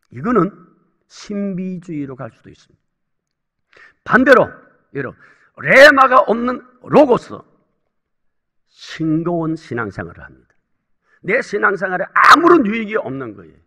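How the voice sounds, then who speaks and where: A man preaching in a church with a high, bright voice that leaps up and down in pitch. His delivery is emphatic, and he keeps calling out to the congregation with questions and appeals. The sound is that of a full sermon from the pulpit. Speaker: pastor. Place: church sanctuary.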